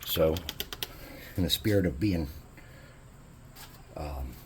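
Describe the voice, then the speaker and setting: A man's voice: rumbling low, slow, a little mellow, a little hiss or hum. A man hosting a casual hobby crafting tutorial, chatting in a laid-back, jokey way as he works. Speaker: crafting channel host.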